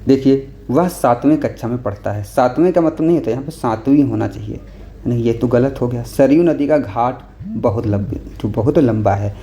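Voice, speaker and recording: With a warm, mid-range voice at a moderate pace, a man prepares a class for an exam, handling the answers one by one. Patient and repetitive, he checks in often with "okay?" The recording is dull lo-fi with faint background noise.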